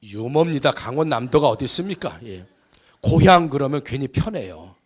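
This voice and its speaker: A middle-aged male pastor preaching a Sunday sermon, animated and storytelling, lightening it with humorous anecdotes. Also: mid-range voice, moderate pace. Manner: animated storytelling, mimics voices in jokes. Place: church sanctuary.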